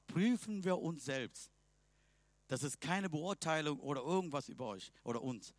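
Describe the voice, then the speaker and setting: A man preaching a sermon emphatically, swinging between loud and soft passages. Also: fairly high pitch, dry recording.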